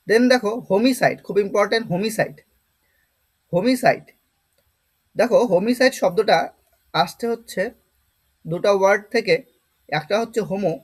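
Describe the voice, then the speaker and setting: Guy teaching vocab class, fairly high voice, keeps repeating stuff and asking questions. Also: husky. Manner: explains step by step, repeats words and asks rhetorical questions. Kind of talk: vocabulary lesson.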